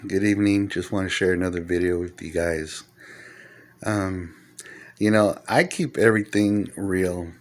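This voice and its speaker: A middle-aged man with a fairly low voice talks straight to his viewers in a lecturing, earnest way, counting off his points. When he relives a quarrel he turns loud and heated. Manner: grows loud and heated when retelling arguments. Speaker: vlogger giving life advice. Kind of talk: casual monologue to camera.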